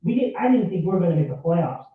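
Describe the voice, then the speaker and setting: This caller is a fast-talking, animated man with a high voice, venting as a fan on a live call-in show. His lo-fi line is distant and echoey, making him sound like he's down a well in a tunnel, and he keeps rambling and restarting with "look".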